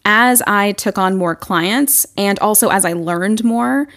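A woman's voice: mid-range voice, takes it slowly, fairly bright tone. A woman marketing consultant who runs her own business, speaking in a candid, chatty way full of "like" and restarts as a podcast guest. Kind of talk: casual podcast interview.

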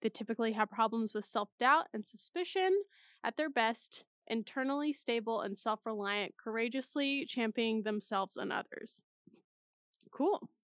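Reading out her personality test results, a young college-age vlogger keeps things casual, with chatty asides poking fun at herself. She speaks on the high side at a moderate pace, in a dry, studio-quality recording.

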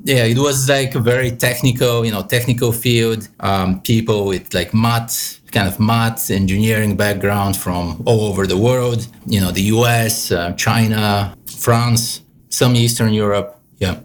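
A man's voice: fairly low pitch, steady tone, measured pace, few pauses, a little hiss or hum. A man, answering interview questions hesitantly with many fillers. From Bulgaria. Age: 30s. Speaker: guest, real estate investor.

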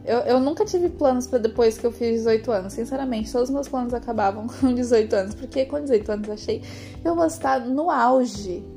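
A woman's voice: a little high, fairly quick, creaky, dark tone. A woman in her twenties talking through a rambling, hesitant, confessional personal vlog with lots of fillers. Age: 20s. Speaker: vlogger. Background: background music.

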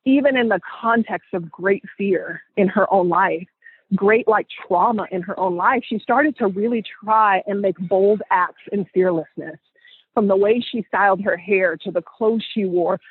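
A woman co-hosting a group call, telling stories in an animated way with laughter. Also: mid-range voice, measured pace, breathy edge. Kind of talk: casual inspirational talk. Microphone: phone. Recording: phone line audio.

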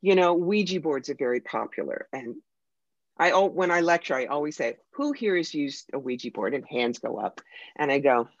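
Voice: mid-range voice, moderate pace, no echo. American psychic speaking animatedly, dry sound. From United States. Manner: animated, emphatic, wry. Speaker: psychic medium guest. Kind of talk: conversational interview storytelling. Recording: dry, slightly dull lo-fi sound.

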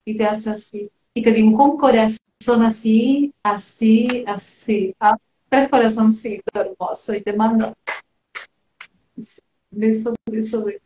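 A woman's voice: fairly high pitch, steady tone, a little slow, mellow, roomy sound, low-quality recording. A woman with a Rioplatense Spanish accent, speaking tenderly and affectionately as a medium relaying messages in a live session. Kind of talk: live spiritual reading.

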